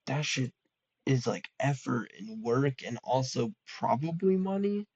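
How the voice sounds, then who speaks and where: This young adult vlogger talks solo from his college dorm in a mid-range voice that is darkish, slightly rough and a little nasal, animated yet at a measured pace. He rambles casually with many ums and restarts, and the lo-fi recording is dull and dry with no echo.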